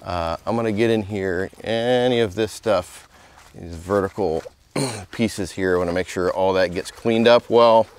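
Out in a residential driveway, a middle-aged man demonstrates car detailing in a relaxed, conversational tutorial. Picked up on a close mic, his voice is fairly low and a little slow.

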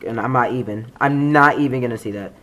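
A young man giving casual, rambling commentary over a game, trailing into mumbled asides and then suddenly yelling. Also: medium pitch, fast. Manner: rambling, excitable, swings between mumbling asides and sudden yells. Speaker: gaming YouTuber. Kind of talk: casual let's-play commentary.

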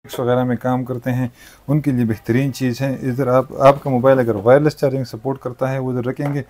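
A man, a shopkeeper demonstrating gadgets in a market shop. He talks in a brisk salesman's patter and keeps using polite forms of address. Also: medium pitch, darkish tone. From Pakistan. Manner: brisk salesman patter, frequent "thik hai" and "janab-e-wala". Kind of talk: product demonstration sales pitch.

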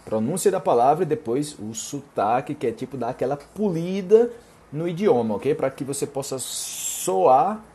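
A man's voice: mid-range voice, lively intonation, moderate pace, mellow. A young Brazilian man with a Brazilian Portuguese accent, a Portuguese teacher chatting casually as he reads out viewer questions and answers them. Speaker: Portuguese teacher and online host. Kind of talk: casual live Q&A.

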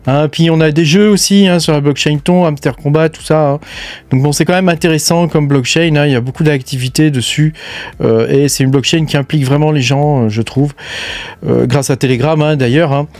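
A man's voice: a little high, fairly even intonation, brisk, a little mellow, dry recording. Chatty man with a dry close sound. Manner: chatty, filler-heavy, talks straight to the viewer. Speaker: crypto mining news host. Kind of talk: casual unscripted commentary.

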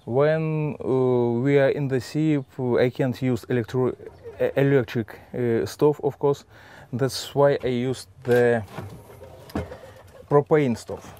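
A man with a Russian accent speaking halting, simple English in a casual interview, often repeating words. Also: medium pitch, steady tone, dark tone, slight background noise. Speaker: adventurer and sailor, interviewee. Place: on a sailboat in a marina, cockpit and cabin. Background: music.

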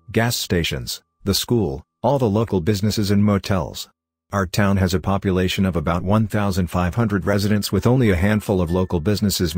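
A very low-voiced man reads out horror stories with steady control, soft music faintly playing behind him.

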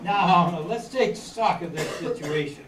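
An amateur actor reads from a script in a live radio-play performance of a 1930s children's adventure, voicing in a high pitch the practical, decisive leader of a group of young castaways who takes charge. He speaks a little slowly on a meeting-room stage before a seated audience, with crowd noise around. Captured by a far camera, the sound is roomy and distant, with faint noise.

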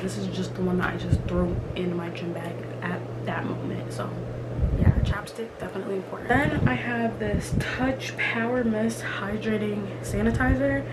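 A young woman vlogging in casual chat, emphatic and chatty with lots of fillers, in a small room. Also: medium pitch. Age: young adult. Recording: loud room ambience noise.

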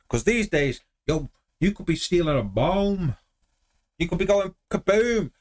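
A British man in his thirties giving casual commentary as a reaction video host in a room at home. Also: a little high. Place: small home room, indoors. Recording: music under the voice.

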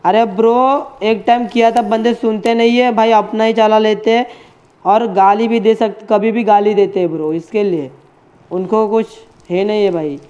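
A man's voice: sits high, fairly even intonation, moderate pace, a little mellow, clear, resonant tone, muffled recording. A man streaming a game live, chatting casually with his viewers and friends. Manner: chatty, addresses chat and friends as bhai.

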